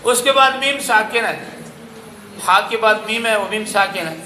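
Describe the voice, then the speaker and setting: Pakistani Urdu-accented male Quran teacher; high, bright, sharp; repeats syllables to correct students; echoey classroom. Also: slight background noise. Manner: corrects pronunciation by repeating syllables, then chants verses slowly. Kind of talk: classroom tajweed drill. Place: madrasa classroom.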